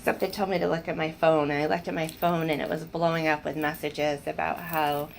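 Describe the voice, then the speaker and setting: A woman's voice: low voice, little pitch movement, brisk, vocal fry, slight background noise, low-quality recording. A woman telling personal stories in an earnest, emotional way, often restarting her sentences. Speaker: spiritual speaker sharing personal stories. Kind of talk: casual personal storytelling.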